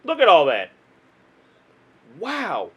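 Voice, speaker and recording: A man's voice: high-pitched, wildly swooping pitch, takes it slowly, bright, forceful tone, husky. A man commenting casually on his own online card game, chatty and exasperated, laughing at himself as things go wrong. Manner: chatty, exasperated, self-mocking; hums and sighs, laughs at himself. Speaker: gaming video host.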